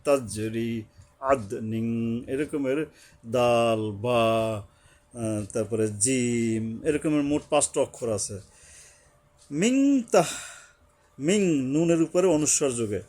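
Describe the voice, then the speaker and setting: A man gives a recitation lesson. He is patient and methodical, and his voice sits at an ordinary middle pitch. He repeats single syllables and draws out recited words slowly so they can be copied. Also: a little mellow. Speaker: Quran recitation teacher.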